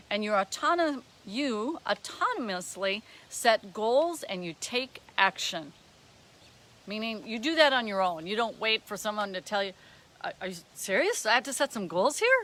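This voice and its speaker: Bright-voiced woman mentoring live viewers. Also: mid-range voice. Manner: chatty, greets and answers live viewers; counts items aloud under her breath. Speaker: business mentor. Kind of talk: live-streamed coaching session.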